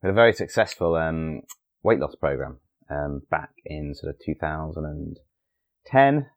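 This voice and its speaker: A man's voice: rumbling low, animated, normal speed, dull audio. A middle-aged man answering interview questions conversationally, often hesitating and rephrasing as he goes. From Essex, England. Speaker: guest, family doctor.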